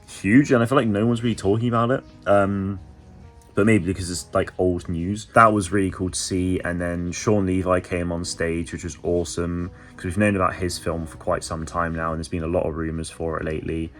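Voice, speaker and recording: A man with a very low voice recaps his day in a hotel room, chatty and enthusiastic, leaning on fillers. Faint music plays quietly under his voice. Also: flat delivery, fairly quick. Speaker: vlogger. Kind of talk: casual recap to camera.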